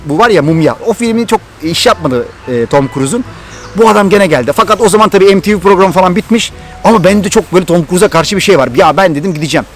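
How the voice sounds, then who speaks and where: A middle-aged man from Turkey with a Thracian accent, excitedly telling a personal story to his vlog viewers. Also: sits high. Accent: Thracian Turkish. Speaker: vlogger.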